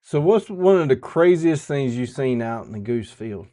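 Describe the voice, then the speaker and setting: A man's voice: mid-range voice, lively intonation, normal speed, warm tone. Southern us guy hosting a podcast, real folksy and casual, talks like regular folks. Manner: folksy, colloquial. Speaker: podcast host.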